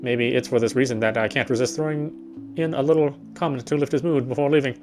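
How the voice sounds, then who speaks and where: Here a game player reads visual novel narration out loud in a steady, medium-pitched voice at a quick pace. He occasionally fumbles a line and rereads it, all over gentle guitar game music.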